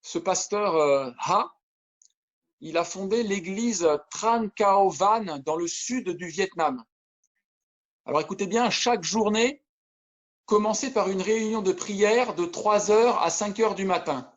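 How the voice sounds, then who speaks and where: Pastor guy, highish voice, earnest sermon, restarts a lot, kinda muffled sound. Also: slow pace. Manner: earnest preaching with frequent restarts, reads scripture and testimony aloud. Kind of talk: video sermon.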